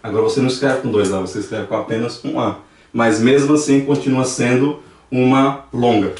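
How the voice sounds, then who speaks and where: A man's voice: mid-range voice, fairly even intonation, a little fast, darkish tone. A man with a Brazilian Portuguese accent teaching a language class, patiently explaining and repeating examples aloud. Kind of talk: classroom lesson. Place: church classroom. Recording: echoey room, distant mic.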